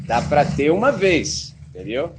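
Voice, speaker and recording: There's a little hiss or hum behind a man whose voice is a touch high and whose pace is measured. Preaching as a pastor with a Brazilian Portuguese accent, he speaks colloquially, acts out characters' voices in lively stories, and repeatedly asks "entendeu?".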